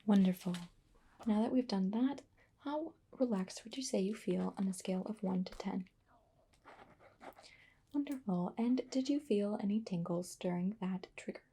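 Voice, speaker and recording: A woman whispering softly through an ASMR roleplay, pausing often with fillers as she explains each trigger. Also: mid-range voice, slight background noise. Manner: soft whispering with frequent fillers. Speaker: ASMR artist.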